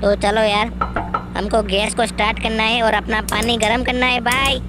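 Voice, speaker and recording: A man's voice: sits high, little pitch movement, normal speed, over music, natural voice. A man voicing a boastful, bossy young man who brags and orders others around, as gaming commentary in character. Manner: bragging, impatient, bossing others around. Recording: noisy background.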